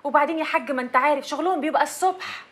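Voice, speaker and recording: A woman's voice: sits high, racing, a bit bright. An actress playing a woman reassuring an old man, speaking with an Egyptian Arabic accent.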